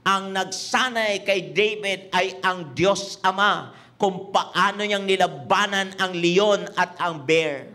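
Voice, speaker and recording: A man's voice: sits high, slow pace, pushed and bright. A man preaching a sermon, repeating his points and teasing the congregation. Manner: preaching in Tagalog-English mix, repetitive, teasing the congregation. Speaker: pastor. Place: church hall with congregation.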